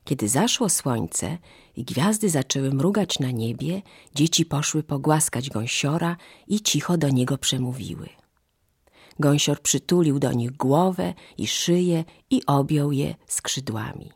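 A woman reading a fairy tale aloud in a slow, expressive storytelling manner. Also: low-pitched, husky, dry recording, studio quality.

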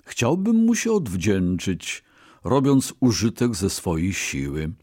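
Man doing a gentle, calm talking ox. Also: fairly low pitch, heavily acted. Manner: soft, slow, reassuring. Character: gentle strong male ox, loyal and calm.

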